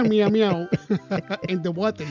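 A man's voice: sits high, fairly even intonation, takes it slowly, a little mellow. A man co-hosting a podcast, chuckling as he tells jokes and rambles through plugs for the show. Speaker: podcast co-host. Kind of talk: casual chat and show promotion. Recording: dull lo-fi podcast audio with music.

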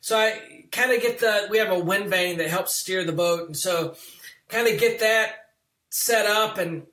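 A man casually recounting an ordeal at sea in an interview, animated and full of fillers. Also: high-pitched, a little slow. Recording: roomy sound with music underneath.

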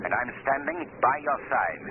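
A man's voice: mid-range voice, expressive, lightly acted. Man as The Shadow, ominous radio avenger. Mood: mocking, righteous. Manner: theatrical, deliberate, ominous formal diction. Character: commanding, mocking invisible male crime avenger. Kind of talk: old-time radio drama acting. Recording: tinny old radio broadcast, faint noise.

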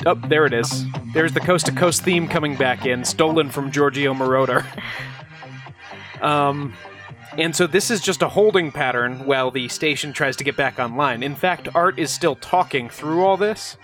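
A man's voice: a little high, moderate pace, over music. A man co-hosting a podcast, making wry jokes while commenting on an old radio clip. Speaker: podcast co-host. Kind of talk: casual commentary on an archive recording.

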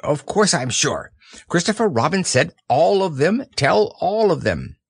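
A man's voice: on the high side, sing-song, measured pace, creaky, slightly rough, dry recording, studio quality, heavily acted. A man reading a storybook aloud, voicing a fussy, self-important male owl. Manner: fussy, prim and emphatic.

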